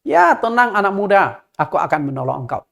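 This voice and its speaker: A man voicing God in a sermon story, speaking slowly and solemnly. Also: high voice, sing-song, vocal fry, a bit bright, exaggerated voice. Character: calm commanding voice of God.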